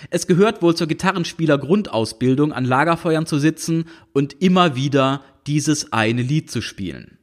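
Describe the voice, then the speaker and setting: Brief: a man narrating a comic novel, dry ironic tone, very expressive pitch. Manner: wry, dry ironic storytelling. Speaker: audiobook reader.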